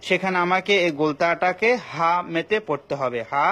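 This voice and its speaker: A man with a Bangladeshi Bengali accent teaching Quran recitation rules in a recorded class, patient and repeating each point, with slow chanted examples. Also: fairly high pitch, sharp tone.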